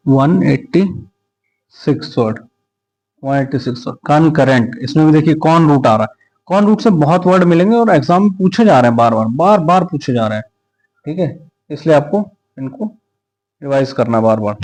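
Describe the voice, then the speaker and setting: This is a man running a vocabulary lesson for exam students. He speaks at an unhurried, deliberate pace, mixing Hindi explanations with terms. He repeats each word several times and spells it out letter by letter. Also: a little high, darkish tone, rough recording. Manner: repeats words slowly for dictation, spells letters out. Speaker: vocabulary teacher.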